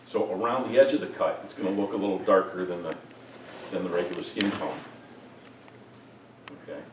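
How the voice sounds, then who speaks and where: A middle-aged man instructing a group in a hands-on demonstration, relaxed and joking as he works. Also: low-pitched, brisk. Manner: relaxed, jokey, talks while working. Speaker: first aid instructor. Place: room with participants. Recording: echoey room, distant mic, noisy.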